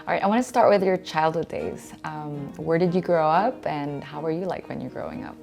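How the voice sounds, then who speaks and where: A woman's voice: sits low, normal speed, gravelly, darkish tone, soft background music. A woman interviewer asking brief, direct questions.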